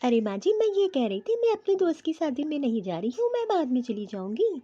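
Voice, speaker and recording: Cartoon role: woman as a headstrong young wife, sulky and indignant, very high voice, dull lo-fi sound. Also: sing-song, fairly quick, dark tone. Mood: contrite. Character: young married woman, headstrong, quick to complain. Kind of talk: cartoon voice acting.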